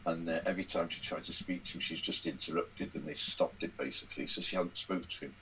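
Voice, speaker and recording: A man with a very deep voice chats politely with a stream host, friendly and easygoing. A faint hiss sits under his voice. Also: steady tone, fast talker, fairly bright tone, low-quality recording. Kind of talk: casual chat.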